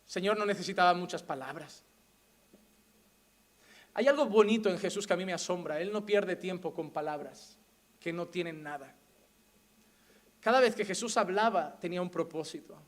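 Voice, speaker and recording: A man with a Spain Spanish accent delivers a sermon, his voice sitting unusually high. He preaches emphatically, throwing rhetorical questions at his listeners. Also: normal speed, pauses often. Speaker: pastor.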